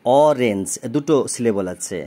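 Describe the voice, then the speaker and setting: A man's voice: medium pitch, normal speed, dark tone. A man, tutoring a child in a recorded homework lesson. He spells words letter by letter, gives their meanings, and keeps asking whether the child understands. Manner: often checks understanding with questions.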